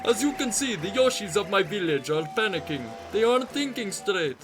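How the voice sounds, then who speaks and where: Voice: mid-range voice, sing-song, normal speed, music in the background, pitched above the performer's own voice, natural voice. Someone doing a fretful dinosaur village chief. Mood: worried. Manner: fussy, anxious, pleading.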